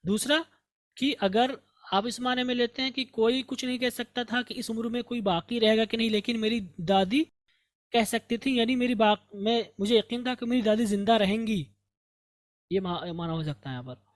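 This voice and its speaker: A man teaching an English text, reading each line slowly and then explaining it in detail. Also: very high voice, dry recording. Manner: reads English lines slowly, then explains them at length. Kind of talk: line-by-line textbook translation lesson.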